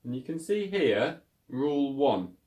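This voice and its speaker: Male teacher, patient and slow, repeats words clearly for beginners. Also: medium pitch, very animated, a little mellow. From United Kingdom. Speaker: English teacher. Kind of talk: beginner English lesson.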